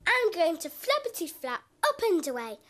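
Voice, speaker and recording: A performer voicing a perky, energetic bird in a kids' puppet show, chirpy and blunt. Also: extremely high pitch, moderate pace, heavily acted.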